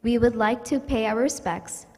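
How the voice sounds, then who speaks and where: A woman's voice: on the high side, moderate pace, a little mellow. Upbeat woman hosting with long reverb. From New York. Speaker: event host. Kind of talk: scripted virtual event hosting. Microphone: livestream setup.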